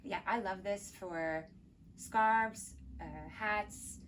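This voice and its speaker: A woman's voice: mid-range voice, extremely slow, slight background noise. A woman co-hosting a knitting podcast, chatting casually and enthusiastically about yarns with playful asides. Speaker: podcast co-host, yarn shop owner. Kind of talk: casual chat.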